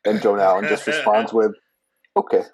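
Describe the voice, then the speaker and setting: A man's voice: deep voice, fairly quick, a crowd in the background. A man co-hosting a podcast, making dry, wry remarks in casual film chat. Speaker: podcast co-host. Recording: dry, dull lo-fi podcast mic.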